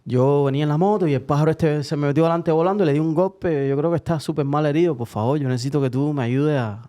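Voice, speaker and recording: A man's voice: on the high side, fairly even intonation, fast, warm tone, close to an everyday voice. A man voicing a worried motorbike rider who earnestly asks a vet to save an injured bird. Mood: pleading. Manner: earnest, pleading.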